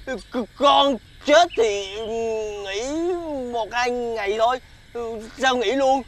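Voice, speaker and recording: A man's voice: very high-pitched, slow, fairly bright tone, exaggerated voice. A man playing a simple-minded, stuttering chicken seller who talks in a whiny, fretful way in a TV fairy-tale drama. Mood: stammering, fretful. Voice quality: heavy stutter.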